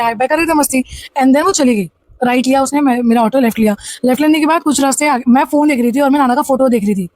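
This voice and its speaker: A woman vlogger rushes through a personal story in a high, quick voice. Her telling is animated and full of restarts. The sound is dry and close, with no room echo. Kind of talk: casual storytime monologue.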